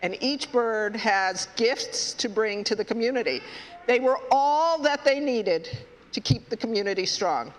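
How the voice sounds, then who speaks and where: A man leading a children's story time at a worship service, playful and halting, stopping to ask the children questions. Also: high voice. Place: church sanctuary. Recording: echoey hall.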